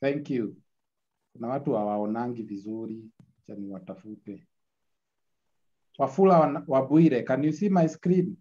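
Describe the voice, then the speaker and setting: A man's voice: mid-range voice, expressive, moderate pace, pauses often, dark tone, lo-fi sound. A man teaching an online class, heard through a screen recording of the video call, repeating his points and checking in with "eh?". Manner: repetitive, checks in with tag "eh?". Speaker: lecturer.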